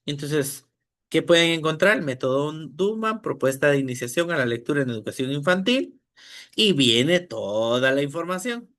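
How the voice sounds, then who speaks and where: A man's voice: on the high side, expressive, moderate pace, a bit bright. A man teaching an online class, explaining material step by step and often checking in with his listeners. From Guatemala. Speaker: teacher leading an online training session.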